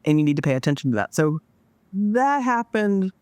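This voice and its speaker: Animated woman telling a story. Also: mid-range voice, moderate pace, no room sound. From Washington DC area. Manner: animated, acts out quoted dialogue. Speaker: podcast guest. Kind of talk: casual storytelling.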